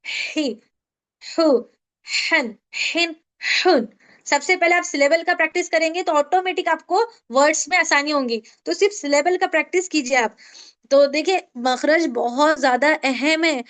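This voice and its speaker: Woman, recitation teacher, high voice, quizzing students, slow syllable drills. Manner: drills syllables slowly, asks students questions. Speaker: Tajweed teacher. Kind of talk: online class instruction.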